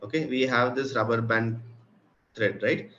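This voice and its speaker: A man's voice: mid-range voice, steady tone, unhurried, a bit bright. Muffled Indian man explaining to children. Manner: explaining to children simply and patiently, with repeated checks. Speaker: teacher giving a children's craft lesson. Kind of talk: step-by-step spoken tutorial. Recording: muffled, with clearly audible room noise.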